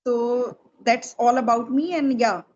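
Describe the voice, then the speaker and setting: This middle-aged woman from Delhi speaks English with an Indian accent in a relaxed conversational interview about her work as a spoken English teacher. Her fairly high voice has a darkish tone and an unhurried pace, heard through dull lo-fi audio with faint noise.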